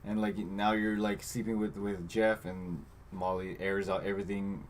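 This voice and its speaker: Over slight background noise, a podcast co-host with a lowish, flat voice speaks at normal speed while casually recapping a movie. He retells the scenes loosely, says "like" a lot, and acts out quotes mixed with filler words.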